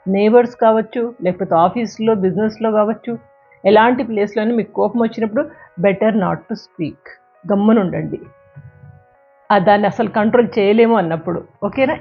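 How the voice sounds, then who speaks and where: A woman's voice: mid-range voice, breathy edge. A woman giving a motivational talk that counsels listeners directly and uses everyday examples. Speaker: self-help speaker. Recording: tinny phone-like sound, faint music.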